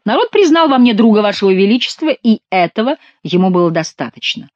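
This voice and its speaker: A woman's voice: medium pitch, sing-song, brisk, no echo, highs cut off, voice pushed up, lightly acted. A woman voicing an indignant young male courtier who talks with bitter sarcasm.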